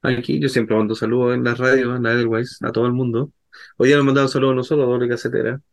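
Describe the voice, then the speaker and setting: A man's voice: mid-range voice, little pitch movement, fast talker. A middle-aged man with a Chilean accent, a radio co-host in casual banter, teasing and sending greetings on air. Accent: Chilean Spanish.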